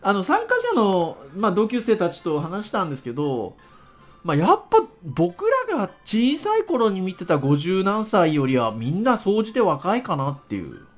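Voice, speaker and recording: Lively, higher-pitched man, ultra-polite podcast host. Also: normal speed, faint music behind. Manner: ultra-polite, very formal honorific Japanese. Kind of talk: podcast casual chat in polite speech.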